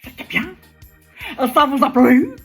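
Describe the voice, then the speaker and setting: A woman doing a zany squeaky cartoon host. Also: slow, heavily acted. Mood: excited. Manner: excitable, loud, laughing. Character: zany high-voiced cartoon host character. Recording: music playing behind.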